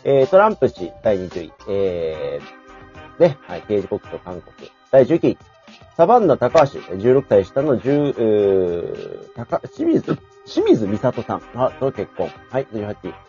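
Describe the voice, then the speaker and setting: Young male co-host, low and lively, chatty news reader; lo-fi online audio, faint music. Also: unhurried. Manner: chatty, laughs often, reads headlines with fillers. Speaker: podcast co-host. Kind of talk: casual chat, reading a news ranking.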